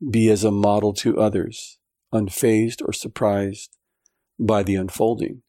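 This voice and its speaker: A man reading an audiobook, voicing a solemn divine voice that issues commands in a measured, unhurried way. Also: fairly low pitch, level tone, warm tone, dry recording, studio quality, natural voice. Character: solemn divine voice issuing commands, genderless spirit.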